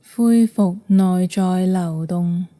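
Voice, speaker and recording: A woman's low, very mellow, dark-toned voice, deeply relaxed and carrying a Hong Kong Cantonese accent, narrates a guided yoga nidra meditation. She speaks slowly and softly, letting long, calming pauses fall between phrases.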